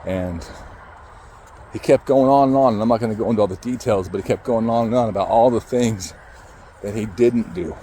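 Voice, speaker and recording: A man telling a painful personal story in a halting, emotional way, cursing casually and restarting his sentences as he goes. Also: fairly low pitch, warm tone, a little hiss or hum, poor audio. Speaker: motivational speaker.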